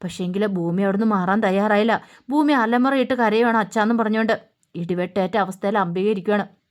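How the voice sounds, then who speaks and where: A woman's voice: mid-range voice, fairly quick. A woman storyteller casually retelling a TV serial episode in a colloquial way, with little humming fillers.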